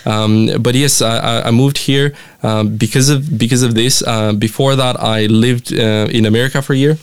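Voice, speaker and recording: A young man from Romania with a Romanian accent, a guest talking in a friendly, halting way with many fillers and restarts. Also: medium pitch, fairly even intonation, clear, resonant tone. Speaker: mission representative, guest. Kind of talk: casual interview chat.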